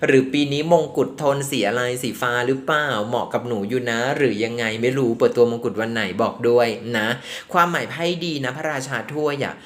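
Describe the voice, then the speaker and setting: A man's voice: mid-range voice, fairly quick, few pauses, a bit bright. Chatty man giving a tarot reading. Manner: chatty, affectionate, calls the subject "child". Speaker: tarot reader. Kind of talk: casual tarot reading commentary.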